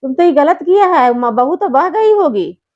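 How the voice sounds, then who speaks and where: A fretful older mother-in-law giving warnings, voiced by a woman telling the tale. The tone is high and anxious, carried on a slightly dull recording. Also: lively intonation, moderate pace, darkish tone. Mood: worried.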